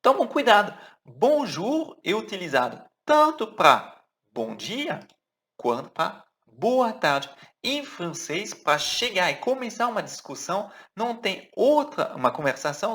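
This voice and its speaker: A man with a French accent teaching a language lesson, explaining patiently and repeating words slowly for learners. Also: high voice, a bit bright.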